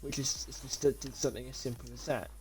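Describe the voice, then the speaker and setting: A man's voice: medium pitch, level tone, brisk, a little mellow, soft background music. A young man from Britain giving casual, rambling commentary while playing a car repair game live, talking to himself with frequent restarts and laughs, a bit sleepy. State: sleepy, yawning. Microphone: desk mic with webcam.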